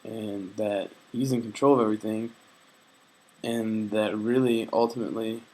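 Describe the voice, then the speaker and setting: In a rough recording, a young man with a fairly low, slightly mellow voice speaks at a moderate pace with fairly even intonation. He's a vlogger keeping a casual personal video diary and feeling homesick. His talk is earnest, reflective and faith-minded, but hesitant, with lots of fillers and restarts.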